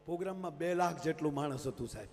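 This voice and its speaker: A man telling humorous stories to a big live audience, acting out quick exchanges between characters. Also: fairly high pitch, big-room sound. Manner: lively storyteller, quick character exchanges, addresses audience as sir. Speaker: folk comedian on stage. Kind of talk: live stage humor storytelling. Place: large stage event.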